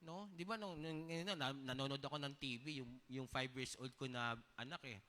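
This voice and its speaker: Speaking at normal speed, a male pastor with a medium-pitched, sharp-toned voice delivers his sermon in a church hall. He relates personal stories conversationally and keeps checking in with the congregation using brief questions; the hall's long reverb is audible.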